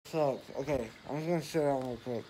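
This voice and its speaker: A man's voice: mid-range voice, brisk, mellow. A man in his twenties vlogging casually, groggy after dental surgery, his speech muffled by gauze and rambling with repeats. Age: 20s. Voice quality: muffled, mouth stuffed with gauze. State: groggy just after wisdom tooth surgery. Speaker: vlogger, military crew chief. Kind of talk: casual handheld vlog chat. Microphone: phone at arm's length. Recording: noisy handheld phone recording.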